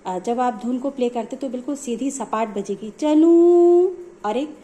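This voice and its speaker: A woman's voice: fairly high pitch, moderate pace, a little mellow. A woman music teacher explaining notes step by step in a patient, repetitive way. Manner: patient, explanatory, repeats points.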